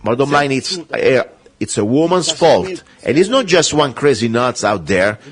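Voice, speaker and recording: A man's voice: mid-range voice, big pitch swings, measured pace. A man hosting a talk radio show, delivering an emphatic, rambling, impassioned monologue.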